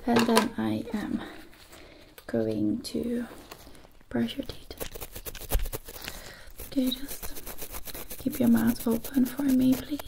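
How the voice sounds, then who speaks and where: A young woman in an ASMR role-play, playing a brisk, reassuring medic with soft, breathy, repetitive murmured patter. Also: on the high side, little pitch movement, exaggerated voice. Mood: soothing, businesslike. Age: young adult. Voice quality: soft, breathy, often soft-spoken. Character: brisk, reassuring female medic doing procedures on a patient. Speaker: ASMR performer. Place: small indoor room. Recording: noisy close recording with clicking.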